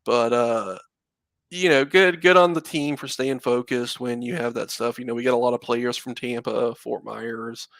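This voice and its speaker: A man's voice: medium pitch, steady tone, normal speed, gravelly, a bit bright, no room sound. A man in his thirties co-hosting a sports podcast, chatting casually and rambling with lots of fillers and asides. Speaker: podcast co-host, Florida fan.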